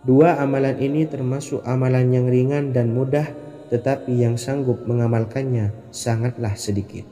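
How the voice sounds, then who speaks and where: A man giving scripted religious narration, in a measured way and reciting Arabic phrases. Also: mid-range voice, steady tone, mellow. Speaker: Islamic devotional narrator. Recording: long hall reverb, faint music.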